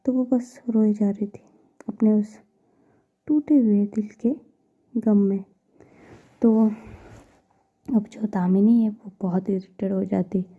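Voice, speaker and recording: Soft-spoken, breathy woman storyteller. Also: mid-range voice, steady tone, slow, pauses often, phone-quality sound. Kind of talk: storytelling narration.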